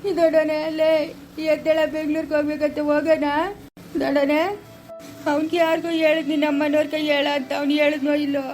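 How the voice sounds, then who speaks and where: A woman's voice: sits high, level tone, fast talker, a little mellow, faint music behind, lightly acted. A woman voicing a distraught village father who begs for help for his son, with a rural Chikkaballapura Kannada accent. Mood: begging. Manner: pleading, tearful, begging.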